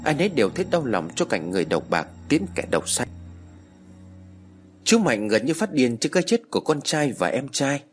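A man narrating a ghost story in a dramatic, expressive manner. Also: mid-range voice, fairly quick, soft background music.

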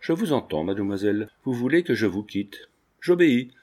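A man's voice: medium pitch, very animated, fairly quick, dark tone, slightly rough. A man reading aloud and voicing an earnest, romantic young painter who speaks firmly. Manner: firm, earnest.

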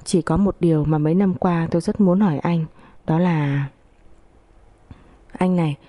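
A woman narrating a first-person family story in a steady, melancholy reading voice. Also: on the low side, moderate pace, no room sound.

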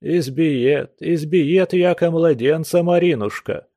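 A man's voice: on the high side, slow pace, mellow, dry recording, studio quality, pitched above the performer's own voice. A man reading aloud plays a drunken old male guest who wails and pleads in grand, churchy phrases, in a somewhat raised voice. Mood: drunken pleading. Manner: wailing, churchy pompous phrasing.

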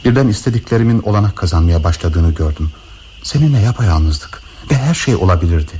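An actor playing a widowed man in a broadcast radio drama, speaking slowly and tenderly as he confesses a long-held love. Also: sits low, animated, warm tone, slight background noise. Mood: tender, confessional.

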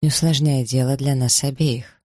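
A man reading aloud, putting on the voice of a quiet, resolute wronged wife who speaks evenly and firmly. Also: moderate pace, no room sound, clean studio sound, natural voice. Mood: steady. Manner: low, even, firm.

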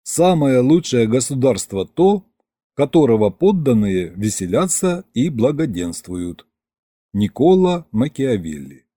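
Brief: male audiobook narrator, mellow dark tone, lively wry first-person telling. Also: mid-range voice, unhurried, no echo, studio quality.

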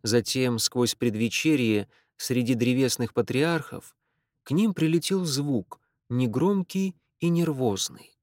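A man narrating a literary story aloud in a measured, expressive way. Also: mid-range voice, dry recording, clean studio sound.

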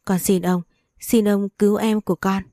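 A woman's voice: mid-range voice, level tone, moderate pace, mellow, no room sound, studio quality, lightly acted. A woman reading a desperate young servant girl. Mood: pleading. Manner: pleading, tearful.

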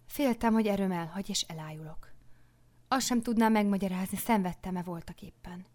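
Hushed woman reading a novel. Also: medium pitch. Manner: hushed, often dropping into a whisper. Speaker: audiobook narrator. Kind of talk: first-person novel narration.

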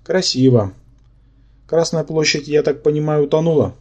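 A man's voice: fairly high pitch, moderate pace, darkish tone, muffled recording, pitched above the performer's own voice, natural voice. A man voicing an irritable male half-demon hero who speaks dryly and sarcastically, in an audiobook. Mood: sarcastic. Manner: dry, sarcastic.

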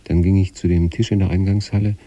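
Reading letters to his wife, a troubled and detached sanatorium patient is voiced by an actor in a measured, brooding radio play monologue. The voice sits low, mellow, with a flat delivery.

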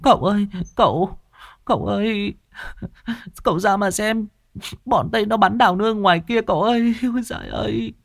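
A man voicing a scheming young servant woman who wails and whimpers in a high, put-on voice. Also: normal speed, creaky, no echo, studio quality. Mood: fake sobbing. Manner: wailing, whimpering, high-pitched.

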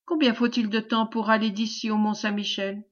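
A woman reading the part of a mysterious fairy with a soft, sad voice in a storybook reading. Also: flat delivery, moderate pace, muffled recording, natural voice. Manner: soft, sad voice, sometimes made deeper.

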